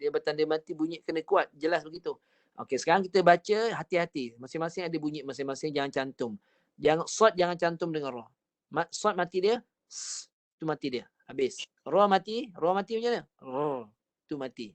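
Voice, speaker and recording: A man with a Malaysian Malay accent leads an online Quran recitation class, speaking in a voice a little higher than most men's. He is patient and methodical, drilling each letter sound slowly and over and over. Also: no echo. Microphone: online class call.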